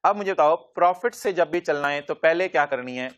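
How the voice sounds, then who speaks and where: A male accounting lecturer, teaching a class by firing quick questions at the students and answering them himself. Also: fairly high pitch, fairly bright tone.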